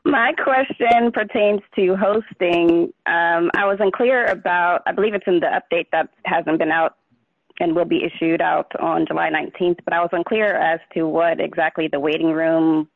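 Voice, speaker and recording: A woman's voice: on the low side, steady tone, moderate pace, creaky, dry recording. A woman calling into an online meeting over a landline phone, asking a question politely and a little hesitantly. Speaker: caller. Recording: tinny landline phone line.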